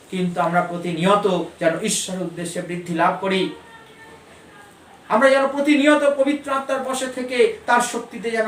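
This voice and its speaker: Fervent high-voiced man preaching in echoey church. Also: fairly bright tone, a little hiss or hum. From Bengal. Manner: fervent, repeats key lines with rising emphasis. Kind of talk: sermon. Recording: echoey church sound from a distance.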